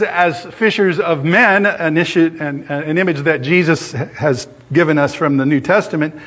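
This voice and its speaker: A man's voice: fairly high pitch, fairly bright tone. A middle-aged man preaching a sermon in a conversational way, telling a story with restarts and fillers and acting out the voices in it.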